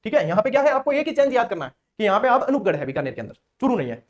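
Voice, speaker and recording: A male teacher runs an exam-prep lesson, rattling along at a quick clip in a fairly high voice. He talks in a chatty, playful way and slips into chanted memory rhymes and little acted-out scenes. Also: big pitch swings.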